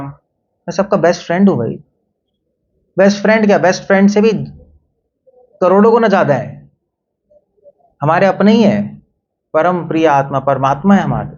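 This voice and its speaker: A man's voice: a little high, a little mellow. A man giving a conversational devotional talk, mixing in English phrases and putting questions to his listeners. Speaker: temple speaker. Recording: dull lo-fi recording.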